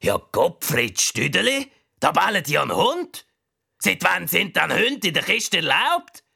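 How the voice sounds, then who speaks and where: A man voicing a gruff, grumpy prison inmate in a loud, grumbling rant. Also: high-pitched, huge pitch swings, measured pace, voice pushed up, full character voice.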